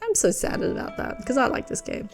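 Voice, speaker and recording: A woman's voice: fairly high pitch, huge pitch swings, fairly quick, vocal fry, soft background music. Young woman chatting over a video game. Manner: chatty, giggly, reads game text aloud. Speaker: co-host playing a game. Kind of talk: casual let's-play chat.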